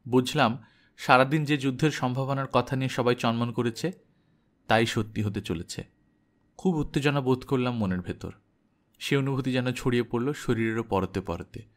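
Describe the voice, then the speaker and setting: Man reading an audiobook, mid-pitched. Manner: measured first-person diary reading. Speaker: audiobook narrator. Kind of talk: scripted audiobook narration.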